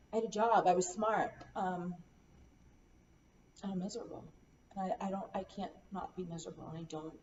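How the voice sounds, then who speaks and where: A woman playing a counseling client, talking in a halting, weary, despondent way and repeating herself. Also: medium pitch, warm tone. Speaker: role-play client in a counseling practice session. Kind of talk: acted counseling role-play. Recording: echoey room, distant dull mic, faint hiss.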